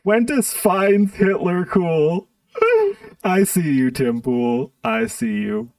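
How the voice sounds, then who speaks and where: A man's voice: sits high, very animated, very slow, a little mellow, no room sound, distant mic. A man streaming live, ranting bluntly and profanely in an exasperated tone. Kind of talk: live-stream commentary rant.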